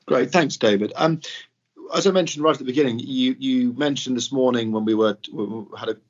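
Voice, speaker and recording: A man hosting a podcast interview in a polite, halting manner. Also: medium pitch, lo-fi sound.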